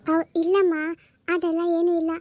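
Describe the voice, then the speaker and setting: A woman playing a burdened young mother who soothes her daughter softly in a homemade family drama. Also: very high-pitched, level tone, moderate pace, slight background noise. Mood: soothing. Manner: soft and coaxing.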